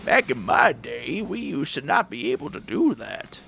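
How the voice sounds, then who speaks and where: A man putting on a gravelly old-timer, alternating two voices. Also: a little high, very animated, moderate pace, bright, forceful tone, faint music behind, exaggerated voice. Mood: grandiose. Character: old man reminiscing, switching between two elderly voices. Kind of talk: gaming stream aside.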